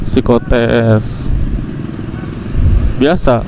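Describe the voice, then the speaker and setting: A young man telling a personal story for a motovlog in a casual, halting way. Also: medium pitch, fairly even intonation. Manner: halting, pausing mid-sentence. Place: outdoors, riding a motorcycle on the road. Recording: loud motorcycle and traffic noise outdoors. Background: motorcycle engine, passing vehicles.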